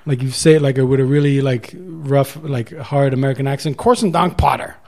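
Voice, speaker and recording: A man's voice: mid-range voice, fairly even intonation, a little fast, warm tone. A man hosting a podcast, chatting casually over beer and rambling with restarts. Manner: rambling, restarts sentences, enthusiastic. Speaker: podcast host. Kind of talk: casual chat. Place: indoor room, drinking beer with a guest.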